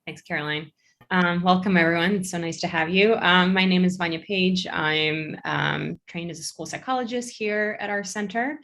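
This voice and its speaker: A woman's voice: lowish voice, normal speed, a bit bright. A woman school psychologist introducing herself on a webinar, hesitant with many ums.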